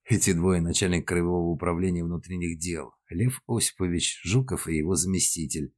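Husky male reader as pompous official, ingratiating, low voice, audiobook. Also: brisk, a little mellow.

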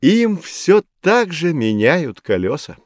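A middle-aged man with a slightly high voice plays an expert in a scripted educational audiobook, explaining history to children in a calm, patient, measured way. It's a dry, clean studio recording made on a studio microphone.

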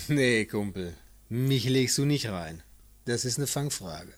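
A male actor with a mid-range voice plays a cocky, hot-tempered special agent in an amateur pulp audio drama, wisecracking and making threats. His delivery is expressive and slow.

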